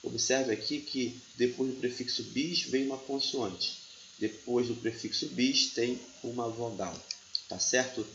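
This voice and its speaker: A man's voice: medium pitch, fairly even intonation, unhurried, creaky, fairly bright tone, slight background noise. A man, teaching a grammar lesson step by step and often checking in with the listener. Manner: didactic, checks in with "tá bom?". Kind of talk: explaining a lesson. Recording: echoey room, slightly dull audio.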